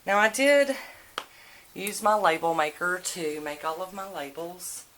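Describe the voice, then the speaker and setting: A woman's voice: fairly low pitch, unhurried, fairly bright tone. A woman giving a casual, informal video tour in a folksy way, recorded indoors at home on a handheld camera. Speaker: vlogger showing a nail polish collection. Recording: noisy home recording with clicks.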